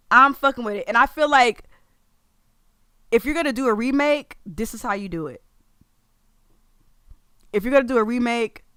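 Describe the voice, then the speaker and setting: A man's voice: sits high, sharp tone, smooth, no echo, studio quality. A man streaming a casual reaction to a game trailer, talking in an informal, slangy and emphatic way.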